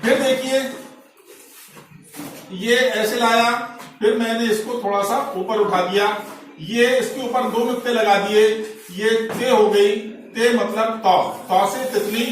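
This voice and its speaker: A male teacher with a high voice patiently explains Urdu letters to a class, repeating each one with example words. He is recorded from across a very echoey room, with faint background noise. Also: fairly even intonation, slow pace, far from the mic.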